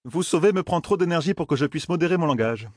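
A man's voice: on the high side, animated, fast, a little mellow, no echo, clean studio sound, pitched above the performer's own voice. A man reading an audiobook, voicing a stern, prickly woman who speaks curtly. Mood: cold. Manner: curt, cold, commanding.

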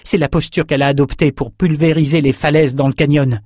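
A worried male companion, tense and urgent, as a man reading an audiobook voices him. Raised in pitch, with a dry, close sound. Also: fairly even intonation, fairly quick, a little mellow, no room sound, lightly acted.

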